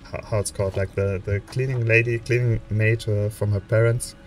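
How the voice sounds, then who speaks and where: This let's play streamer, a young German-accented man, has a fairly low, level voice and talks at a normal speed. The mic sits far away and there's slight background noise as he relaxedly comments on his gameplay with chat, often hesitating and restarting.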